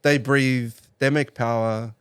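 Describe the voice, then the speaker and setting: A man from Iraq, a car club member talking as a guest in a relaxed casual interview, laughing often and using slang fillers. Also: mid-range voice, slow pace, clear, resonant tone.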